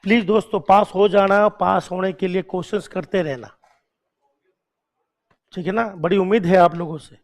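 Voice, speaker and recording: A man with a notably high voice gives a classroom lecture. He drills each point, repeats it, and keeps firing questions at his students. His tone coaxes and encourages them to keep at it. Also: steady tone, moderate pace, pauses often. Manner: coaxing and encouraging toward students. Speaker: teacher.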